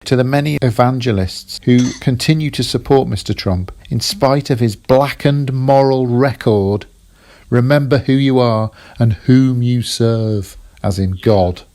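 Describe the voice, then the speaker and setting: A man's voice: mid-range voice, a little slow, warm tone. Dry man recapping the news. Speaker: podcast co-host. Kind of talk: casual comedic chat.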